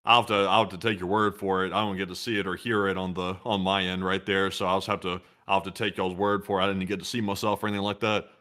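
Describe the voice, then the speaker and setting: A man's voice: deep voice, little pitch movement, fast, hardly any pauses, sharp tone. A man co-hosting a live stream, chatting casually in a jokey, rambling way. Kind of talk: casual livestream chat.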